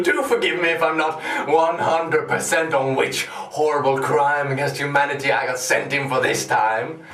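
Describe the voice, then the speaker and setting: An actor playing a deranged, gleeful, sadistic clown supervillain in a theatrical monologue, mocking and erratic, recorded with a roomy echo. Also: male voice, a little high, far from the mic. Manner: theatrical, mocking, erratic swings between whispering and shouting.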